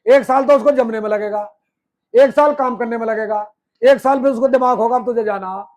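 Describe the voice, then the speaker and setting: High-voiced man giving a fiery speech. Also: fairly even intonation, brisk, darkish tone. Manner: rhetorical questions answered himself; emphatic, repeats phrases in lists. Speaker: movement speaker. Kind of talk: political speech to an audience.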